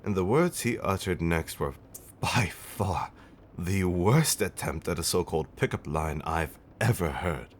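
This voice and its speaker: Voicing a loving, centuries-old vampire husband for an ASMR roleplay, a man speaks in a deep, expressive voice, a little slowly, with slight background noise. Fond and amused, he tells stories in a teasing, theatrical, old-fashioned style, rising into dramatic swells and dropping to whispers.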